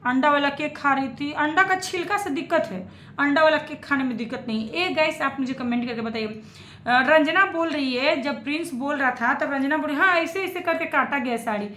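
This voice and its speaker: Woman w/ ranting thru a reaction vid, kinda high voice, repeats stuff, echoey room. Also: normal speed, a bit bright, slight background noise. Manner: emphatic, repeats points, questions viewers directly. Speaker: reaction vlogger. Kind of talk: opinionated reaction commentary.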